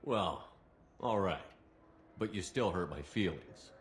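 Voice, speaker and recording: A man's voice: deep voice, lively intonation, slow pace, a little hiss or hum. A man voicing a blunt, abrasive male soldier commander with a sarcastic, confrontational streak.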